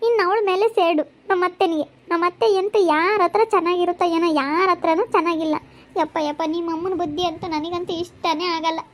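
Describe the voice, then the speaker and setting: Amateur drama role: woman playing a weepy pregnant young wife, very high crying voice, plaintive. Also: fairly even intonation, fast talker. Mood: tearful. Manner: plaintive, complaining. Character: tearful young pregnant wife, hurt by her family.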